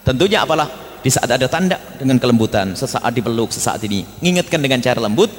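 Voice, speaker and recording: Male preacher, sermon, blunt and emphatic, animated swooping delivery, recorded in a reverberant hall. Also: medium pitch, quick pace. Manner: emphatic, blunt scolding mixed with tender asides. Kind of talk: religious study sermon to a congregation.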